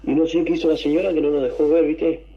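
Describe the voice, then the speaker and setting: A man with an Argentine accent, telling a story to a radio show, excited and rambling, with coughs and throat clearing. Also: a little high, fast, lo-fi sound. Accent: Argentine Spanish. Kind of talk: casual storytelling.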